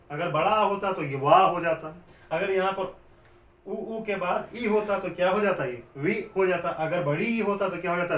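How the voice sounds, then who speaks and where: A man with a high voice teaching grammar step by step. He keeps asking questions and then answering them himself. The sound is roomy and picked up from some distance off the mic. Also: a bit bright. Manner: repetitive, explains step by step. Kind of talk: classroom lecture at a board. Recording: echoey room, mic at a distance.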